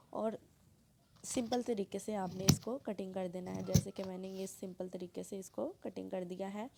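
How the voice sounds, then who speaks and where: A woman teaches sewing step by step. Her sore throat makes her voice gravelly, and she clears it now and then. The tone is dark and mellow, with a faint hum of room noise behind her. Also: mid-range voice. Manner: plain instructional, frequent throat clearing. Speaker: sewing instructor. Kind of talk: step-by-step tutorial voice-over.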